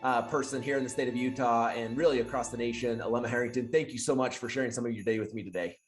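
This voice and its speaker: A man's voice: mid-range voice, fairly even intonation, fast, soft background music. A man hosting a podcast, upbeat and enthusiastic, chatting casually with his guest. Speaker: podcast host. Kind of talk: casual interview chat.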